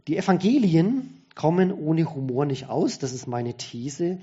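A man's voice: on the high side, very animated, unhurried, dark tone, slightly rough, dull audio. A man giving a conversational sermon-style talk, thinking aloud with restarts.

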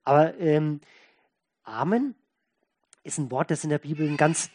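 A pastor preaching a sermon in a folksy, conversational way, stressing and repeating key words and swinging between loud and soft. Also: mid-range voice, expressive, a little slow.

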